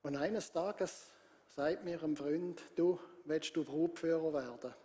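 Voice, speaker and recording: A man's voice: a little high, slow, warm tone, big-room sound. A male pastor with a Swiss German accent, preaching a sermon with emphatic, repetitive phrasing that builds in volume.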